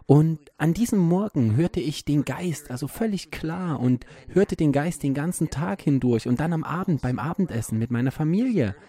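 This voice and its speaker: A man's voice: fairly high pitch, expressive, normal speed, hardly any pauses, mellow. A man earnestly recounting, in a matter-of-fact way, how he hears and sees a spirit that tells him things. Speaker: medium. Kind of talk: personal storytelling talk.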